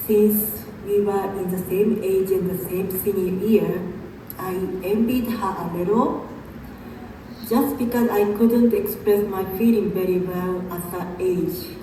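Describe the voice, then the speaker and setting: A woman in her forties with a Japanese accent giving a slow, careful tribute, pausing between phrases. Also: medium pitch, warm tone, heavy reverb, recorded from a distance, slight background noise, rough recording. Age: 40s. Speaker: memorial video speaker.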